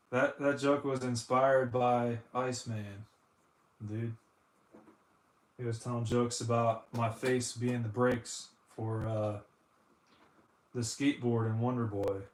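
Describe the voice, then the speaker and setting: A man's voice: mid-range voice, level tone, slow pace, pauses often, echoey room. A man from the United States in a casual live-stream chat, rambling and joking, often saying "dude" while he cleans consoles. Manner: rambling, jokey, says "dude" a lot.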